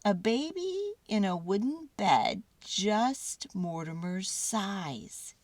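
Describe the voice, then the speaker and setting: Very animated, unhurried woman storyteller. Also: mid-range voice, dry recording. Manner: theatrical, deliberate phrasing with drawn-out words. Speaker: children's storyteller. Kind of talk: dramatic storybook read-aloud.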